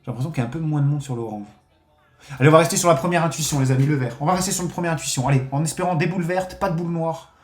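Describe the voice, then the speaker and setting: Excitable man commentating casino bets. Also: fairly high pitch, racing, echoey room, soft background music. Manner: excitable, swears often, addresses viewers as friends. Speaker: casino streamer. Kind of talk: live gambling commentary.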